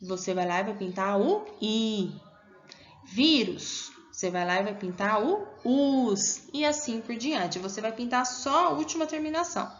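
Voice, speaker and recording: A woman's voice: fairly high pitch, expressive, measured pace, muffled recording. Encouraging Brazilian woman teaching young pupils. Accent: Brazilian Portuguese. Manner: patient, encouraging, asks pupils questions. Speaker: primary school teacher. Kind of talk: recorded online class.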